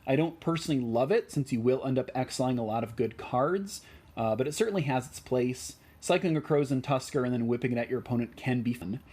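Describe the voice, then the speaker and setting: A man with a Midwestern American accent explains card choices for a deck in a relaxed way, with many ums and uhs. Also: mid-range voice, brisk, slightly rough. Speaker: deck tech host.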